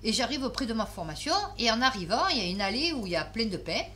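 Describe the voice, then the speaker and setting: Bright, chatty French-speaking woman vlogger. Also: on the high side, sing-song, fast talker, a little hiss or hum. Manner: chatty, swears, many fillers and restarts. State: tired. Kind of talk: casual storytelling to camera.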